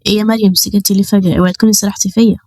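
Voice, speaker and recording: A woman doing a calm police officer. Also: mid-range voice, rapid-fire, dry recording, lightly acted. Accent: Egyptian Arabic. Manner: calm, gentle.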